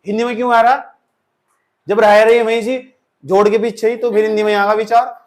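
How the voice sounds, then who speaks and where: A man's voice: high voice, little pitch movement, brisk. A man with an Indian accent giving a classroom English lecture, switching between Hindi and English and acting out sample sentences. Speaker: English teacher.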